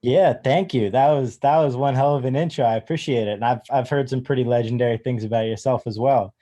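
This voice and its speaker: Young male guest, warm dark tone, loose storytelling with ums, video call. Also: medium pitch, a little fast. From United States. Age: young adult. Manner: relaxed storytelling with many fillers. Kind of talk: casual interview.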